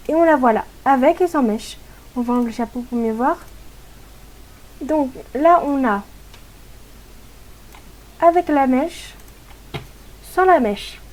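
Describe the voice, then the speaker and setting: A woman with a high, mellow voice talks through a game tutorial in a relaxed voice-over style. She explains step by step in a chatty way, often hesitating mid-sentence. Her tone is soft and warm rather than bright. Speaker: gaming tutorial host.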